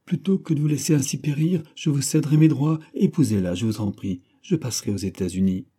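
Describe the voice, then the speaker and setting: A man voices a young man of honor, torn by grief and speaking with earnest sorrow in a storybook reading. The tone is mellow and dark, with a husky edge. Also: mid-range voice, fairly quick, voice pushed up, close to an everyday voice. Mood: sorrowful.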